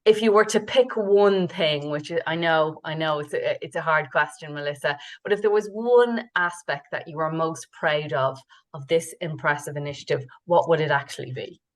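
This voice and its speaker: A woman's voice: sits low, moderate pace. A woman hosting a webinar panel, praising guests and asking questions with many fillers. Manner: warm praise, filler-heavy, restarts. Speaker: webinar host.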